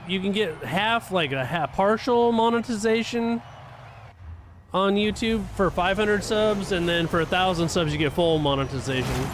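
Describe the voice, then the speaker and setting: A relaxed man with a fairly high voice chats loosely with his stream audience and chuckles between remarks. Faint game engine noise hums behind him. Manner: laid-back, chuckling, talks to chat while racing. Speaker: live streamer. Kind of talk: casual gaming stream chat.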